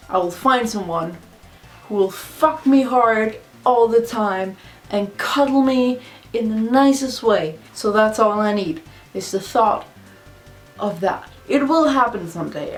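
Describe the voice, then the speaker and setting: Drunk woman rambling, non-native English speaker. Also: medium pitch. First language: not English. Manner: rambling, repetitive, confessional. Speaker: video blogger. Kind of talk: casual rambling monologue to camera.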